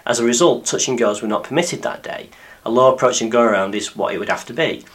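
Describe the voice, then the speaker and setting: A man with a deep, croaky voice, hoarse from illness, presenting a scripted podcast narration as a pilot and host. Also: quick pace. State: croaky after a week of flu-like illness.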